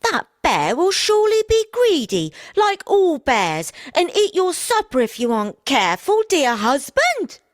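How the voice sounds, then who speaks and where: A scheming, scornful peasant wife in a storybook tale, played by a woman in a high, shrill voice. She talks loud and lively, sharp and full of plans. The sound is dry and close. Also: unhurried, hardly any pauses, no room sound, exaggerated voice. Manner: sharp, bossy. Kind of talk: storybook reading.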